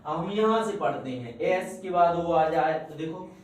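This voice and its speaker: A man teaching an English grammar lesson in a classroom, slowly repeating points and quizzing his students with questions. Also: fairly high pitch. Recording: echoey room, mic far off.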